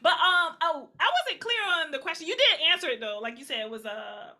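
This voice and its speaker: Host: bright, high-voiced young woman, animated and laughing, casual interview chat. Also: a little fast. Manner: laughs often, animated and playful. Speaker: podcast host.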